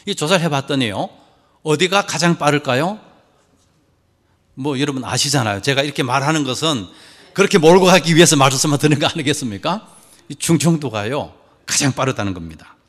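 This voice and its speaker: Lively man preaching in an echoing hall. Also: on the high side. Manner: lively, joking preacher posing questions to the congregation. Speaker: pastor. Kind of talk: sermon.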